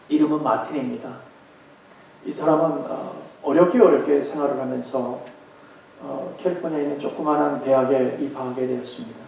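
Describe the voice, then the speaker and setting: Male pastor, emphatic sermon, storytelling, high voice, heavy church echo. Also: creaky, slight background noise. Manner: emphatic preaching, some passages told in a softer tone. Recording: echoey hall, far from mic.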